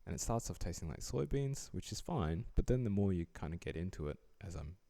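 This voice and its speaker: A young man giving relaxed, dryly joking voice-over commentary as he rates food. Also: sits low, fairly quick, vocal fry. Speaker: vlogger rating food.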